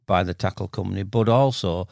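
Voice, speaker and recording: A Bradford man in his sixties with a Yorkshire accent, a veteran carp angler, tells stories as a podcast interview guest in a blunt, matey, colloquial manner. His voice is low, gravelly and darkish, a little fast, in a dry, studio-quality recording.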